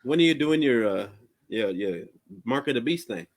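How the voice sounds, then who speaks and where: A man hosting a casual chat, telling lively stories and laughing often. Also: medium pitch, moderate pace. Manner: animated storyteller, laughs often. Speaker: podcast host.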